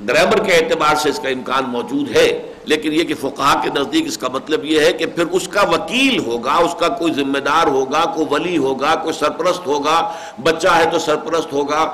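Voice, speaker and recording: A man's voice: on the high side, hardly any pauses, sharp tone, low-quality recording. An older man giving a religious lecture, reciting verses and explaining them. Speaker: Quran commentator.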